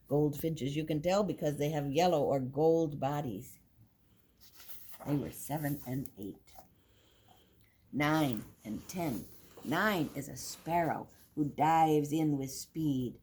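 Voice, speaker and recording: An older woman with a low-sitting, mellow voice reads a picture book slowly to young children, teacher-style, adding simple explanations and counting along. It's an indoor classroom with wooden furniture, and the recording is noisy with clicks.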